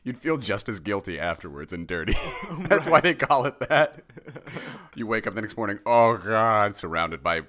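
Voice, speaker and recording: A man with a dark, gritty, gravelly voice, bantering casually and teasingly as a comedy podcast co-host. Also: fairly low pitch, big pitch swings, moderate pace. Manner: teasing, wisecracking.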